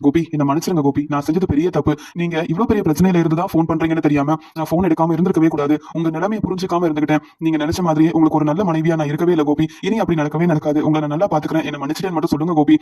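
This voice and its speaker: A tearful young wife pleads with her husband for forgiveness in a storybook recap, read out by a male narrator. The voice is quick and a little high. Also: steady tone, dark tone, natural voice. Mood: pleading.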